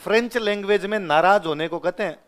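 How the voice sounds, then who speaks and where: Give me an animated Rajasthani-accented male teacher. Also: high voice, quick pace. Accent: Rajasthani Hindi, Ganganagar area. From Rajasthan, India. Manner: animated storytelling, acts out dialogue, laughs often. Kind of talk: classroom lecture with anecdotes.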